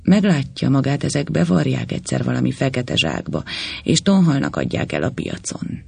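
Male reader as servile lawyer, gravelly, lively pitch, storybook role. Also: dry recording, heavily acted. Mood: teasing. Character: obsequious fawning male lawyer, eager and servile.

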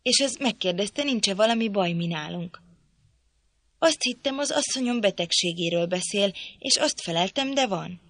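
A woman's voice: medium pitch, lively intonation, a bit bright, no room sound. A woman voicing a frantic young servant girl who blurts out news in a breathless, stammering rush. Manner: breathless, panicky.

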